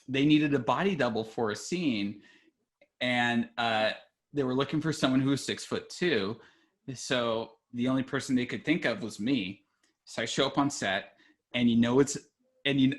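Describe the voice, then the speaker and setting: A man's voice: mid-range voice, fairly bright tone. A young man hosting a casual film podcast, rambling, restarting his sentences and often laughing as he talks. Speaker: podcast host.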